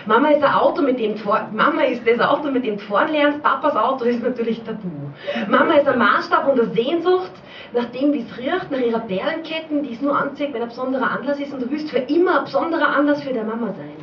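A woman's voice: high-pitched, quick pace, slight background noise. Woman doing slam poetry in a pub, repeats lines in a rhythm, recorded far from the mic, muffled and echoey. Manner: rhythmic, repetitive, dialect-tinged recital. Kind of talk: spoken-word poetry performance. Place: small pub stage before an audience. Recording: dull, roomy live recording from far off.

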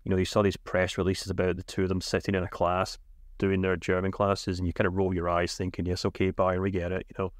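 Male podcast host, broad Scottish accent, lowish voice, casual football talk, dry recording. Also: monotone, fast, no room sound. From Scotland.

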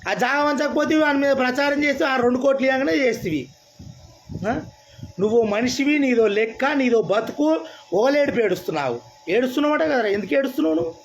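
A man's voice: extremely high pitch, fairly quick, slight background noise. A man with a Telangana Telugu accent delivers an angry political rant, taunting and scornful, firing off questions. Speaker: political speaker.

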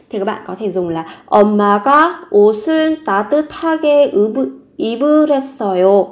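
Patient woman teaching grammar, echoey room. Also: mid-range voice. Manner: explains step by step, repeating example sentences. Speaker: Korean language teacher. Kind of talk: grammar lesson.

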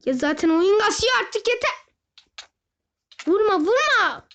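A young gaming host giving excited gameplay commentary, often shouting and wailing as he talks straight to his viewers. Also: very high voice, measured pace. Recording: dull lo-fi recording.

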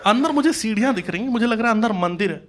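Rapid-fire and expressive, a high-pitched man from Uttar Pradesh, India, performs live observational stand-up in a small indoor club, conversationally acting out dialogue in his stories. He holds a handheld stage mic, and the audience's laughter and noise are in the recording.

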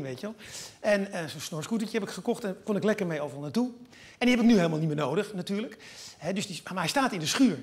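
A middle-aged man telling a stand-up comedy monologue on stage, rambling and animated, with frequent asides to the audience. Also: sits high. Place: theatre stage before an audience.

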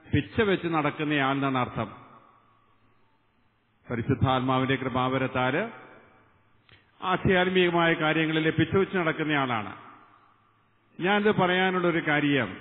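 An older man from Kerala, preaching earnestly to a large convention crowd on a stage mic. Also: fairly high pitch. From Kerala, India. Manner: earnest, addresses the crowd directly, hands raised. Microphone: mic on a stand close to the mouth. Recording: tinny narrow sound, long hall reverb.

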